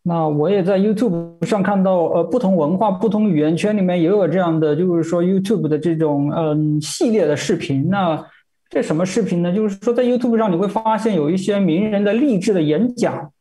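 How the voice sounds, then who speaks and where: A man's voice: sits high, fairly quick, warm tone. A man interpreting a sermon phrase by phrase, hesitant, with many fillers and repeated words.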